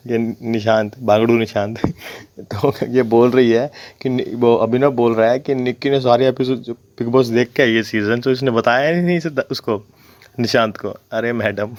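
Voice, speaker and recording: A man's voice: medium pitch, a little mellow, no room sound. A young man giving casual commentary on a reality show, chuckling constantly and teasing the contestants.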